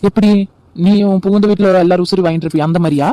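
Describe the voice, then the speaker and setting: A scornful, sharp-tongued young daughter-in-law from a homemade cartoon, with a man doing the voice. She talks fast and high. The sound is dry and close. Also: fairly even intonation, no echo, close to an everyday voice. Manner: scornful, defensive. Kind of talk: amateur cartoon voice acting.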